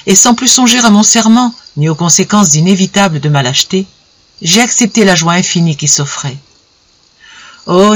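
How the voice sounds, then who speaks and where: A man's voice: high-pitched, a bit bright, no echo. A reader voicing an earnest young man in love, speaking in a pleading tone.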